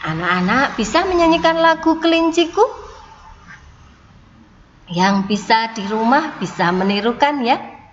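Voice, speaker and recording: A woman's voice: on the high side, expressive, unhurried, long pauses, long reverb tail, dull audio, slight background noise. A woman teaching a class of young children online, explaining patiently and often saying "nah" and "ya". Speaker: primary school teacher.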